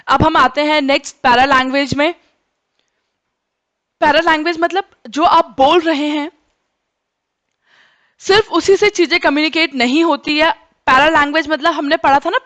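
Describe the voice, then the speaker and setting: A woman's voice: high voice, fairly bright tone. A young woman teacher giving a lecture, explaining with spoken examples and often checking in with "right?". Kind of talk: Hindi-English mixed classroom lecture.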